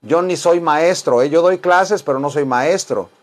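This English teacher, middle-aged and self-styled as a chaplain, runs a bilingual Spanish-English lesson indoors in a small room lined with wood panels. Slow and a little high-pitched, he keeps things informal, says things over and over, and reads out phrases word by word.

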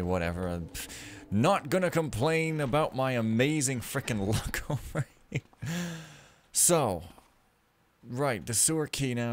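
Over some background noise, a let's play commentator with a fairly low-pitched voice plays a stealth game. His commentary is loose and wandering, packed with sarcastic quips and side remarks.

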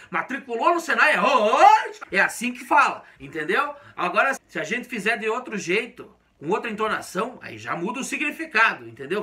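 Brief: young Brazilian man, comic monologue, very high bright voice, slangy and teasing. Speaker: comedian.

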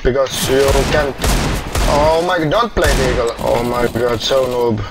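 A man's voice: mid-range voice, measured pace. A man in casual game voice chat, teasing and trash-talking with laughs. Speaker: gamer. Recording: voice chat over loud game noise.

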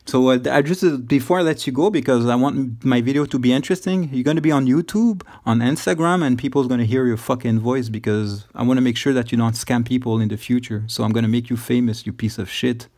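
A man's voice: medium pitch, steady tone, quick pace, few pauses, darkish tone. A man hosting a scam-baiting video, taunting a caller with constant swearing and mocking laughs. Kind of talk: profane taunting phone call.

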